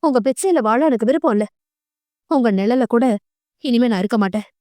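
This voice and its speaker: A woman's voice: a little high, animated, a little fast, dry recording, close to an everyday voice. A woman voicing a hurt but proud young schoolteacher wife in an audio novel, speaking sharply and defiantly. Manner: pleading, then sharp and defiant.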